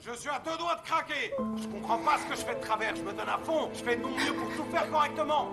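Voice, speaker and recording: Agitated, fast-talking young dad, high voice, often shouting. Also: male voice, vocal fry, over loud music. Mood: frantic. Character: overwhelmed young father, hot-tempered and frantic. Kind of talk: dubbed television drama.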